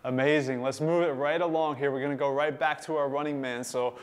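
A man's voice: mid-range voice, steady tone, a little fast. A man leading a suspension-strap workout video, cheering on his demonstrators and viewers at home and calling out the time left. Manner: upbeat, encouraging, counting down time. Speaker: fitness instructor.

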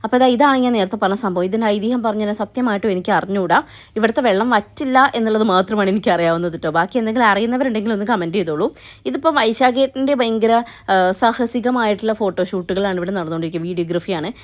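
A young woman talks over her family vlog at a very fast pace. She keeps the narration chatty and often tags on a 'you know'. It sounds like a close-mic voice-over of medium pitch. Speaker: family vlogger.

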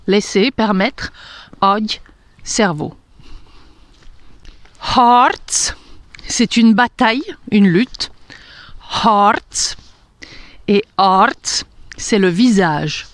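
A woman's voice: medium pitch, no room sound. A woman with a Hungarian accent teaching a language lesson, carefully repeating words one at a time and laughing lightly now and then. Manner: slow, careful pronunciation drills with light laughter.

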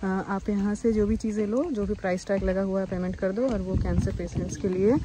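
A woman in her thirties talks through her day in a relaxed travel vlog, explaining plans straight to the viewer. She records outdoors on a phone held at arm's length, with the wind and open-air noise clearly heard behind her voice. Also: mid-range voice, fairly quick. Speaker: vlogger. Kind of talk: casual travel vlog narration. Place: outdoors in a windy town and lakeside. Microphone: phone camera held at arm's length.

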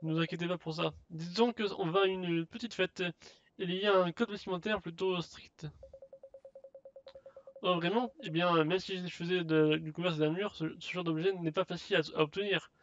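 Un homme qui lit à voix haute les répliques d'un vieux marchand rusé de jeu vidéo, lentement et en butant. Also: male voice, high-pitched, fairly even intonation, muffled recording. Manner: slow, stumbling reading. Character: old male merchant, shifty and fussy. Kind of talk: reading game dialogue aloud.

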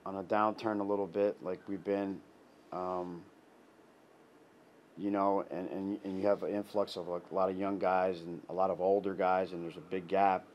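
A middle-aged man, a head soccer coach, giving a halting post-game interview full of restarts and fillers. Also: deep voice, level tone, dull audio, a little hiss or hum. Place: indoor press backdrop. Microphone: clip-on lapel mic.

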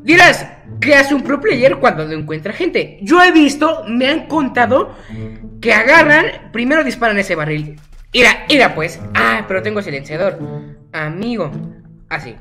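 A man's voice: extremely high pitch, sing-song, normal speed, sharp tone, soft background music. A teenage boy with a Mexican accent, chatting casually over his gameplay in a rambling, jokey way that keeps correcting itself. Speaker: gaming YouTuber.

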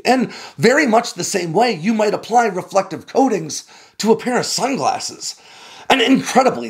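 A man in his forties hosting a defense news explainer, reading a script with a lively, conversational delivery from a small home studio. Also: high-pitched, creaky. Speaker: host of a defense news channel.

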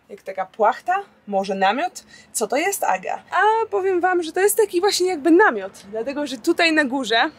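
A young adult woman vlogs in and beside a camper van outdoors, chatting casually to the camera in a slightly high voice. She is informal and talkative, dropping slangy English words in. The sound, from a handheld camera held at arm's length, is noisy and on-location.

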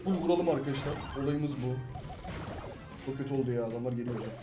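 An excitable young man from Turkey talking over a match he is playing, flipping between loud yelps and muttered grumbles. His voice sits in a middle pitch and sounds a little roomy, with game music playing underneath. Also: fast. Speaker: gaming YouTuber. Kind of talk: live gameplay commentary. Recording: echoey room with game music.

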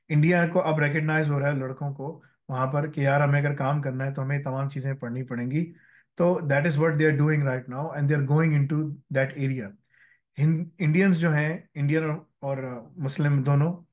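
A man with a somewhat high voice gives relaxed interview answers. He tells long anecdotes and drops English phrases into his sentences. He keeps checking in with the listener as he talks. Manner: mixes English phrases into his talk, often asks "ठीक है ना". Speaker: guest speaker on careers.

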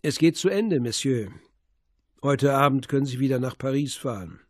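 A man voicing a commanding middle-aged police commissioner in an audiobook, brisk and assured as he gives orders. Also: medium pitch, expressive, no room sound, studio quality, natural voice. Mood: jovial. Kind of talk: audiobook character voice.

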